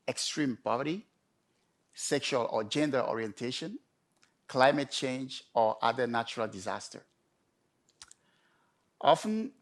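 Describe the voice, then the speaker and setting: A man delivering a prepared storytelling talk in measured, emphatic short phrases with pauses. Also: mid-range voice. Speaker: conference speaker.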